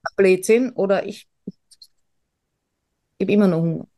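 A woman's voice: medium pitch, normal speed, dark tone. A woman co-hosting a podcast in casual chat, rambling and self-mocking, with many fillers and restarts. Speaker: podcast co-host.

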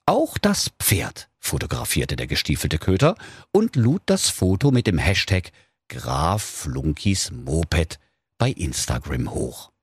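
A man reading a comic fairy tale aloud with a slow, deadpan delivery. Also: low-pitched, slightly rough, no echo, clean studio sound. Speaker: storyteller.

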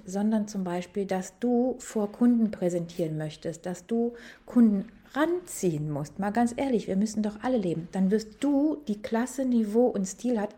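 A woman, hosting a podcast and coaching on etiquette, talking emphatically and drawing out key words before rushing through asides. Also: medium pitch. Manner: animated, emphatic, switches between slow stress and fast asides. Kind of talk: casual podcast monologue.

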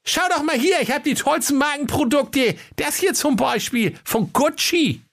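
A man voicing a cheeky, crooked shopkeeper with cocky sales patter in a very high, squeaky voice. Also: animated, moderate pace, fairly bright tone, full character voice. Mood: chummy.

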